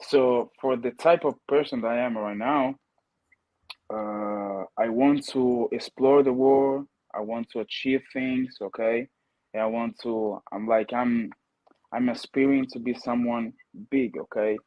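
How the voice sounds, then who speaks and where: Speaking in a mid-range, animated, creaky voice at an unhurried pace, a young man answers casual interview questions as an earnest guest who keeps checking in with "okay?" and restarting words. Originally speaking a Ghanaian language as his first tongue, he's from Italy and has a heavy Italian accent. The recording is dry and muffled.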